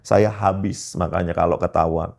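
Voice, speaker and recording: A man, a pastor, telling his life testimony in a lively storytelling way, often turning to address his listeners directly. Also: low voice, normal speed, gravelly.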